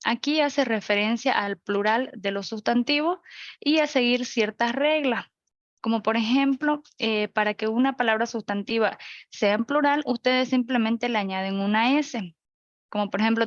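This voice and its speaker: Woman, young adult, teacher, online lesson, orderly explaining, slightly high voice, muffled dry video-call sound. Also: normal speed, no echo. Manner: methodical, lists examples one by one, checks in with "¿no?". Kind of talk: virtual grammar lecture.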